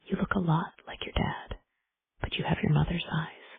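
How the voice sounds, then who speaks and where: Whispered role-play, big gruff giant guy done by a narrator, raspy whisper, dry tinny sound. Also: medium pitch, steady tone, moderate pace, no echo. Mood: friendly. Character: huge gruff bearded male giant groundskeeper.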